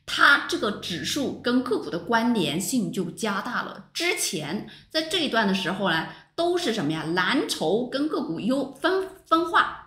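Lively woman teaching stock charts. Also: on the high side. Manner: lively, rhetorical questions to viewers. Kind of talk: livestream stock chart lesson. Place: voice-over of chart screen. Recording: roomy echo.

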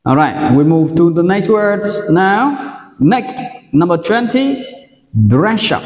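Slow echoey male teacher drilling words. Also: on the high side. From Vietnam. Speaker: English teacher. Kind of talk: vocabulary pronunciation lesson. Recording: roomy echo with long reverb.

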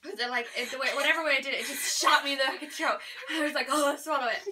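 A woman's voice: sits high, fairly even intonation, very fast. A young woman vlogging casually with friends, giggly and dramatic, squealing often. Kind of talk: casual chat. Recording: slightly distant camera mic with faint hiss.

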